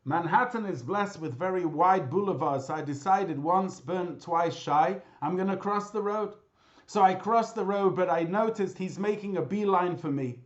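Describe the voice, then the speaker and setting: A man, a rabbi, giving a memorial talk with lively storytelling, mixing in Hebrew and Yiddish terms, heard over a video call. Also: high-pitched, moderate pace, lo-fi sound. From Britain.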